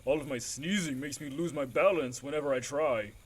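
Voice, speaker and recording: A man's voice: fairly high pitch, fairly quick, husky. A man voicing a timid male gorilla with allergies who apologizes and stammers. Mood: eager. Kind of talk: fan audio drama acting.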